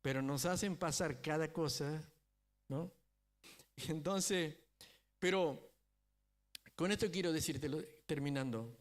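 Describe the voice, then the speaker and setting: A man's voice: a little high, slow pace, pauses often. A man preaching a sermon as a pastor, telling a story and often checking in with the congregation. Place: church.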